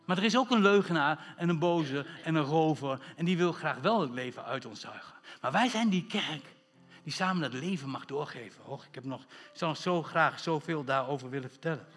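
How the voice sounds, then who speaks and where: A man's voice: a little high, lively intonation, normal speed, a bit bright, big-room sound, soft background music. A man preaching a sermon as pastor, emphatic, drawing out words for stress and asking rhetorical questions.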